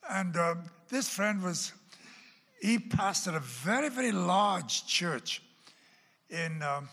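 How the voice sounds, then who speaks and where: This slow-paced male pastor, Welsh-born with a Welsh accent tinged by Texas and Oklahoma, gives sermon-style Bible teaching to a class. His pitch sweeps lively through a long, reverberant church hall, and his dramatic delivery swings from loud emphasis to hushed asides.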